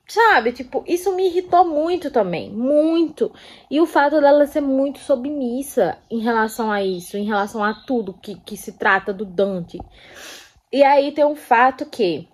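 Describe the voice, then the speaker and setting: A young woman chatting casually about a book she read, animated and acting out characters' lines with scoffing asides. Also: fairly high pitch. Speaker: book vlogger. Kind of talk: casual book review chat.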